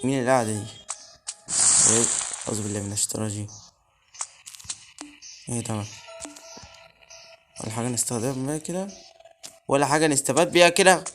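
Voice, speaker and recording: An Egyptian man talks his way through a horror game in a middle-pitched voice, muttering nervously under his breath and jumping into startled yelps. Game music plays clearly underneath his commentary. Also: quick pace, pauses often. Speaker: gaming channel host.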